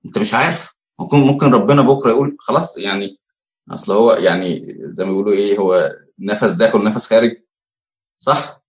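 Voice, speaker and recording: A man's voice: on the low side, fast talker. Egyptian man preaching in an echoey room. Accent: Egyptian Arabic. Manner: conversational teaching, rhetorical questions, many fillers. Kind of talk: sermon.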